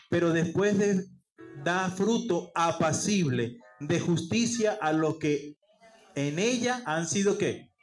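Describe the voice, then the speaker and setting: A male pastor preaching a sermon, asking rhetorical questions and answering them himself. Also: fairly high pitch. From Peru. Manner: rhetorical questions answered aloud, acts out quoted voices.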